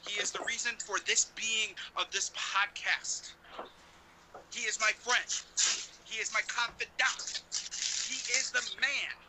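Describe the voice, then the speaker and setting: A man hosting a podcast, announcing like a ringmaster with drawn-out, grandiose hype. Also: high-pitched, noisy background. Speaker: podcast host. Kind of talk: hyped show introduction.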